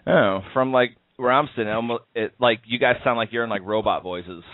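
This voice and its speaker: A man's voice: medium pitch, a little fast, no room sound. A man hosting a podcast in casual chat, rambling with lots of fillers and restarts. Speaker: podcast host. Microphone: internet call over wireless. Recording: tinny Skype call audio.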